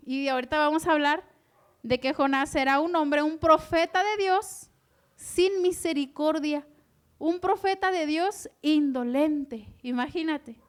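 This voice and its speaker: A woman preaching a sermon, animated and asking her listeners questions. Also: high-pitched. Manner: animated, asks the audience questions.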